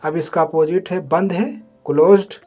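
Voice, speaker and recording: A teacher leading a slow vocabulary lesson, saying each word several times and checking in with the listener often. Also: mid-range voice, fairly even intonation, warm tone, highs cut off, faint music behind. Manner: slow, repetitive drilling, says "ठीक है" often. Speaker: Arabic teacher. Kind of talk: vocabulary lesson, repeating words.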